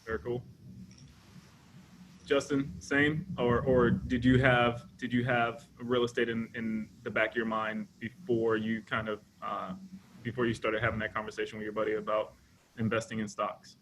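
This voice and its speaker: A man's voice: medium pitch, level tone, normal speed, a bit bright, slight background noise, rough recording. A man co-hosting a casual video call chat, curious and given to jokes. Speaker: co-host.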